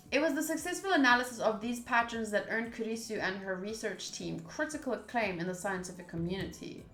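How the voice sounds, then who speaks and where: Streaming a visual novel, a woman with a mid-range, fairly bright voice reads the text at normal speed and adds casual remarks for her viewers. Faint game music plays behind her in a roomy, echoing recording.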